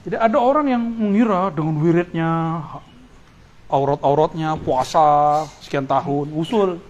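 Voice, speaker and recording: Indonesian guy preaching, kinda high voice, explains arabic words, cracks jokes. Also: a little slow, a little mellow, lo-fi sound. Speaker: Islamic preacher. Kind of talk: religious lecture.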